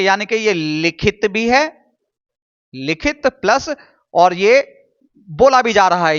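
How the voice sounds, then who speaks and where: Patient Hindi teacher spelling out syllables. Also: male voice, sits high, fairly bright tone, dull audio. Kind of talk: classroom lesson.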